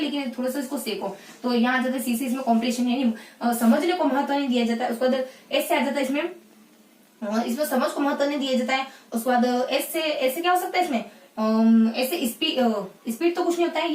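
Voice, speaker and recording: Woman teacher, fast, repetitive explainer with fillers; distant mic, echoey room. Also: sits high. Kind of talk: exam-prep lecture on English teaching methods. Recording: echoey room, voice off-mic, faint background hum.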